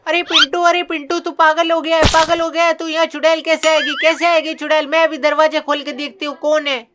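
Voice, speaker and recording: A woman voicing a fussy, bossy housewife in an animated cartoon, pleading and nagging. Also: high-pitched, a little fast, music in the background, voice pushed up, natural voice. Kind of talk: cartoon voice acting.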